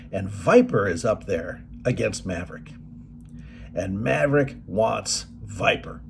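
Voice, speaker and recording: A man's voice: mid-range voice, a little mellow, a little hiss or hum. A middle-aged man giving a motivational presentation, telling movie stories in a folksy way. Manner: folksy storytelling, quoting movie lines.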